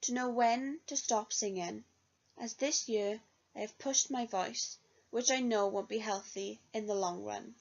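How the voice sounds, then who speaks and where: In a dull lo-fi recording, a young music student reads her reflective self-review of a year of singing study earnestly. Her fairly high, creaky voice moves at a measured pace with fairly even intonation.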